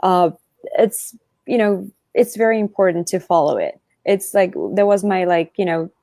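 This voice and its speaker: A woman from Russia, a guest on an interview show, talking lively and giggly with lots of "like"s. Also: medium pitch, moderate pace, no room sound, studio quality. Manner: lively, giggly, loose phrasing with many "like"s. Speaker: actress guest. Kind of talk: casual interview chat.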